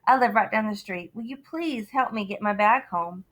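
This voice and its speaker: A woman's voice: mid-range voice, moderate pace, fairly bright tone, lightly acted. A woman voicing an eager young boy in a read-aloud storybook, speaking plainly and pleadingly. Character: excited young boy trick-or-treater.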